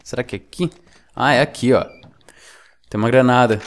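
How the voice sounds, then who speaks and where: A man doing live gameplay commentary, excitable, swearing and yelling at the enemy. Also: mid-range voice, fairly quick. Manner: excitable, swears and yells at the boss. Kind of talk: live let's-play commentary.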